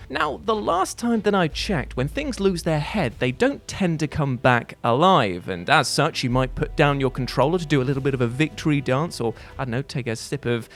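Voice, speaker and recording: Playful male game narrator. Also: mid-range voice. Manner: playful, jokey, theatrical. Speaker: host. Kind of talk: scripted video narration.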